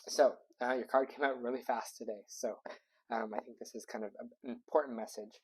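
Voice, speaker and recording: A man's voice: medium pitch, fairly even intonation, a little fast, a little mellow, husky, rough recording. A man giving a casual tarot reading into a wearable mic, talking in a loose, rambling way with lots of ums and likes. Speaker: tarot reader.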